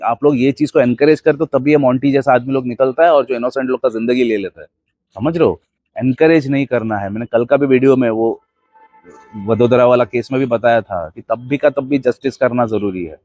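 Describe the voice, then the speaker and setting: A man talking straight at his viewers in a blunt, emphatic monologue, pressing his points hard and often slipping English phrases in. His voice sits at an ordinary male pitch. It is recorded dry and close, with no room echo. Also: a little fast, a little mellow, faint music behind. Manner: assertive, emphatic, addresses viewers directly and mixes in English phrases. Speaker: commentator giving his opinions on a case. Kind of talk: forceful opinion monologue to camera.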